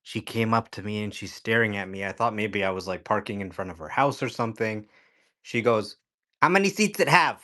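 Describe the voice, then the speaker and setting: Lively man telling stories casually. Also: on the low side, a little fast. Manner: animated storyteller who mimics other people's voices. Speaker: guest speaker. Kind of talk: casual conversation.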